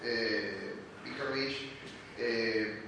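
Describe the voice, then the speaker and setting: A man's voice: lowish voice, very slow. Hesitant male student in an echoey room. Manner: hesitant, many restarts. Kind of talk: classroom question. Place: classroom. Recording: echoey room, distant mic, noisy.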